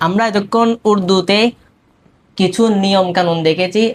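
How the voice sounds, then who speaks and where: Woman teaching slowly, repeating example words. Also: mid-range voice, fairly even intonation, a little mellow, a little hiss or hum. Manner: slow, repeats each example word several times. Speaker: language teacher. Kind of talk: explaining a language lesson.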